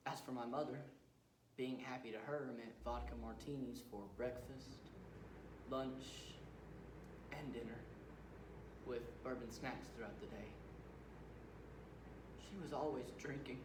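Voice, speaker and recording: A young man performing a manic, taunting male serial killer on death row as a dramatic interpretation piece, with shouts and cackles. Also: mid-range voice, recorded from a distance, noisy background, close to an everyday voice. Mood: wry. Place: competition room. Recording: roomy hall recorded from afar.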